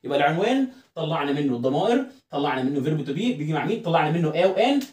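Brisk Egyptian man teaching in an echoey room. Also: a little high, sing-song, darkish tone. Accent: Egyptian Arabic. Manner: asks rhetorical questions and answers them himself. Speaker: English teacher. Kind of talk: classroom lesson explanation. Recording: roomy echo.

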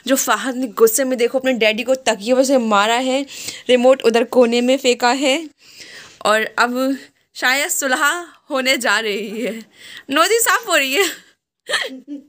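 A woman narrating a home vlog in amused, drawn-out commentary. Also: fairly high pitch, steady tone, fairly bright tone.

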